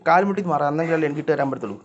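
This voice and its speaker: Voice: medium pitch, very fast, faint music behind. A speaker, calling cats over to feed them in short coaxing and scolding bursts. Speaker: vlogger feeding cats. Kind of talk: casual talk to pets. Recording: dull lo-fi sound with faint noise. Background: cats meowing.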